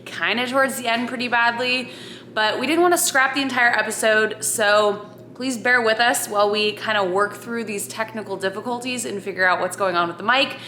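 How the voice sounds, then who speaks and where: A woman's voice: fairly high pitch, brisk, sharp tone, a little hiss or hum. Apologetic woman in an echoey room. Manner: apologetic, informal. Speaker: podcast editor. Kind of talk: casual spoken announcement.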